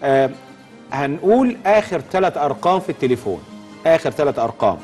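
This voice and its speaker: Rapid-fire Egyptian man announcing a giveaway. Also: fairly high pitch, very animated, darkish tone, soft background music. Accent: Egyptian Arabic. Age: middle-aged. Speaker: TV host. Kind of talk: live prize-draw announcement to viewers. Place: TV studio. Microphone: lapel.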